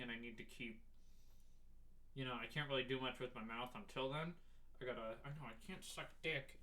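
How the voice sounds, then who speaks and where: A young man chats alone as a podcast host, with a bright, forward voice at an average male pitch. His mouth is sore and numb from having teeth pulled, and he talks through it in a casual, rambling way, often halting and starting over. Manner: talking with a sore, numb mouth after wisdom tooth surgery. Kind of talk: casual solo podcast chat.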